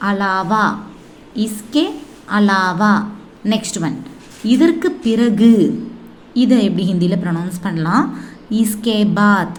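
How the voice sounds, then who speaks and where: A woman teaching Hindi phrases, repeating each one slowly and clearly. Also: medium pitch, darkish tone, slight background noise. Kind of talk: language lesson, slow repetition.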